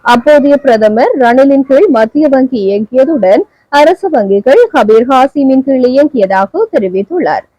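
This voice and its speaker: A woman with a Sri Lankan Tamil accent reading the evening news in a steady, measured, formal delivery. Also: high voice, no room sound, rough recording. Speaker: newsreader.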